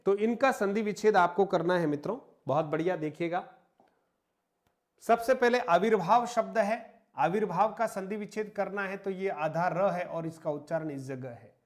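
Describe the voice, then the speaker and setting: A man teaching a Hindi grammar lesson, slowly dictating example words, repeating them, asking questions and answering them himself. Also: high voice. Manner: slow, repetitive dictation of example words, often addressing "मित्रों". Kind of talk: online exam-prep grammar lesson.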